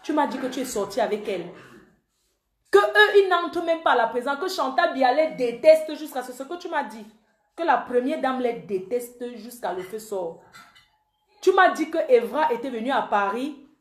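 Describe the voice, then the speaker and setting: A woman's voice: on the high side, animated, moderate pace, reverberant. A woman who calls herself the panther, angrily accusing a man she speaks to directly, in an emotional live-stream rant. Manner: accusatory, repetitive, addresses the absent man directly. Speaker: online commentator.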